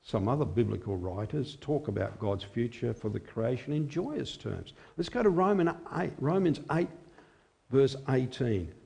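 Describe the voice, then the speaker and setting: A man in his sixties preaching a sermon in a small chapel at a lectern microphone, measured and expressive. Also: medium pitch, vocal fry. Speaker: chaplain preaching.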